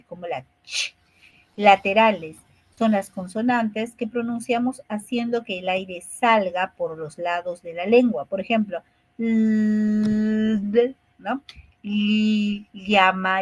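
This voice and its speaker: A Peruvian woman gives a speech therapy lecture in a patient, explanatory way, checking in with her listeners after almost every point. Her voice sits at a middling pitch for a woman. The sound is dry and close, with almost no room echo. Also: breathy edge. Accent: Peruvian Spanish. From Peru. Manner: explanatory, checks in with frequent tag questions. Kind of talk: online lecture.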